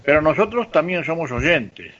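A man's voice: on the high side, lively intonation, normal speed, a bit bright, muffled recording. A man from Spain co-hosting a podcast, telling anecdotes in casual chat and repeating words. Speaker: podcast co-host.

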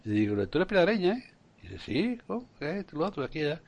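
A man's voice: fairly high pitch, very animated, very fast, creaky. A Cuban man co-hosting a podcast in casual chat, hesitant, with many fillers and restarts. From Cuba. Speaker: podcast co-host.

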